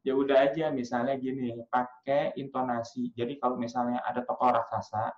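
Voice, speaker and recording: A man coaching parents in storytelling, talking in a lively, demonstrative way with frequent filler sounds. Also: mid-range voice, fairly quick, echoey room, highs cut off. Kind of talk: casual workshop talk to parents.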